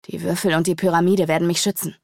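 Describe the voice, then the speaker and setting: Resolute angel warrior in a fantasy audiobook, read by a woman; gravelly and low. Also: level tone, fast, a little mellow, dry recording, studio quality, close to an everyday voice.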